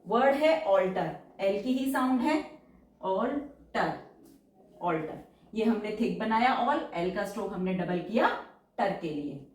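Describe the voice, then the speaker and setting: A woman's voice: medium pitch, lively intonation, recorded from a distance. A woman teaches shorthand in a patient, step-by-step way, saying each example word twice. Her voice sits back from the microphone. The room around her carries a noticeable echo. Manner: patient, repeats example words slowly. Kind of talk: step-by-step tutorial explanation. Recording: roomy echo, voice from off-mic.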